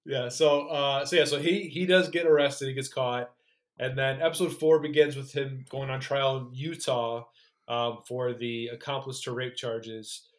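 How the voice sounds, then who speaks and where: Podcast cohost guy recapping a story, animated, swears some, mid pitch. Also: moderate pace. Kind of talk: casual chat, recapping a documentary.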